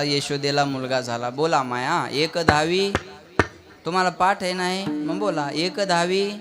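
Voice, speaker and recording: A man's voice: a little high, a bit bright. A man with a Marathi accent preaching a kirtan sermon, telling the story with acted voices and jokes and breaking into sung verses. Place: outdoor village gathering.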